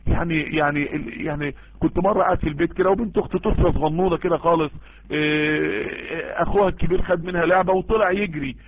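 A man's voice: a little high, husky. A man with an Egyptian accent preaching and giving religious advice, earnest and emphatic, often repeating himself to drive a point home. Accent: Egyptian Arabic. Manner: earnest, emphatic, addresses listeners directly and repeats for stress. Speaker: preacher answering listener messages. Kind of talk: informal Islamic sermon and advice. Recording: tinny phone-like line.

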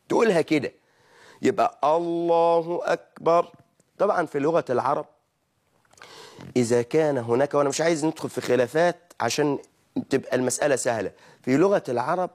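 A man with an Egyptian Arabic accent teaches a religious lesson in a lively, questioning way. His voice sits fairly high for a man. He acts out mistakes and then corrects them. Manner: animated teaching, mimics wrong pronunciations, asks and answers own questions. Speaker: preacher.

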